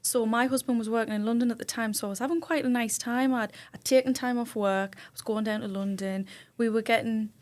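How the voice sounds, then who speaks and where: A woman on a podcast, recorded in a studio room, tells her own story with vivid emotion and acts out the dialogue. She speaks briskly with few pauses, her fairly high voice keeping a fairly even intonation.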